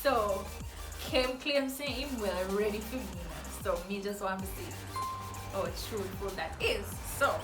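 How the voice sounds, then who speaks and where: A woman's voice: medium pitch, a little slow. A woman with a Jamaican accent hosting a casual couple's quiz vlog. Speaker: vlog host. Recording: echoey, distant mic, music behind.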